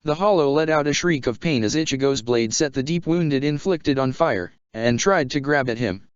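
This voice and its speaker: A man reading a fan fiction story aloud in a steady, even way. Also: mid-range voice, moderate pace, clean tone, no room sound. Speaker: narrator. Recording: dull lo-fi sound.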